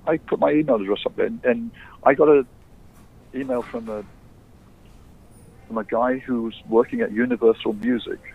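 A man from England, a guest musician, telling stories in a relaxed, plain way. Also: medium pitch, moderate pace, creaky, long pauses, slightly rough. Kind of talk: casual interview chat. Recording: tinny phone-like line.

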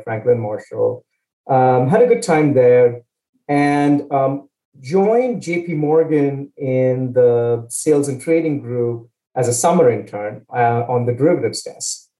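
A middle-aged man from India speaking as a guest in an interview, relaxed and joking, with many fillers. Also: medium pitch, a little slow. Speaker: guest, asset manager. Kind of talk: casual interview talk. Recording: echoey room.

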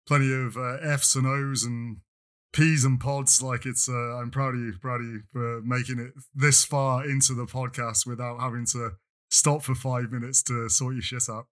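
A man's voice: medium pitch, level tone, normal speed, a bit bright. A British man co-hosting a podcast in casual chat, rambling with many fillers and restarts. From Britain. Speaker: podcast co-host. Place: lives in France.

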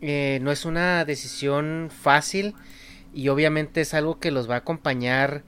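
Smooth-voiced man. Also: fairly high pitch, steady tone, a little slow, fairly bright tone. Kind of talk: casual chat.

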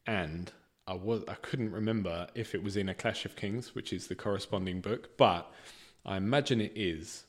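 Deep-ish male co-host, chatty, thinks out loud. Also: moderate pace, hardly any pauses. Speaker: podcast co-host. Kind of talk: casual chat.

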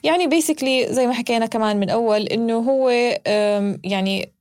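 A woman's voice: a little high, a little fast, a little mellow. A woman in a casual podcast interview as the guest, switching between Arabic and English mid-sentence. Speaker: guest, user experience research professional.

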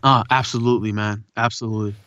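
A man's voice: fairly low pitch, quick pace, dry recording, lo-fi sound. A man who was born in India and raised in Southern California, a voice actor and poet, talking reflectively in a casual interview. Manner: relaxed, reflective, says "man" often.

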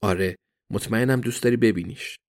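A man's voice: fairly low pitch, no room sound, studio quality, lightly acted. A man reading an earnest, plain-spoken Eastern European man.

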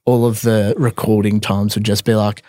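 A man's voice: fairly low pitch, little pitch movement, moderate pace, mellow, no room sound, clean studio sound. An Australian man from Victoria, a podcast guest talking casually and rambling with lots of fillers. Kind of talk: casual chat.

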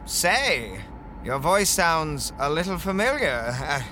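A man's voice: a little high, very animated, slow pace, noisy background. A man playing a vain, dramatic blogger. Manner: dramatic, self-absorbed. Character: vain, self-important male blogger.

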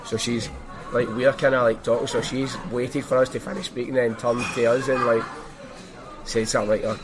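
A man's voice: medium pitch, little pitch movement, fairly quick, crowd noise, low-quality recording. A man with a strong Glaswegian Scottish accent hosting a podcast, telling stories in a casual, colloquial way with opinions of his own. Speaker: podcast host. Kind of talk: casual anecdotal chat.

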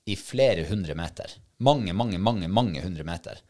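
A man telling a story in casual chat, animated and quoting the people he met. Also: low-pitched. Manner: lively, animated retelling, quoting others. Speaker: dog handler telling a story.

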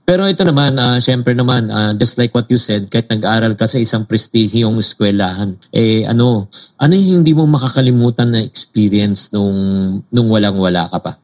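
A man's voice: fairly low pitch, lively intonation, moderate pace. A man with a Filipino accent hosting an interview, asking easygoing follow-up questions and laughing along with his guest. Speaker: host. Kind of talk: casual interview.

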